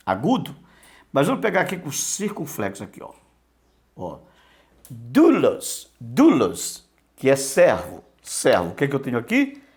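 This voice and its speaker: A man's voice: medium pitch, creaky. A man teaching a Greek lesson, repeating key words and asking himself questions. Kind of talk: online lesson.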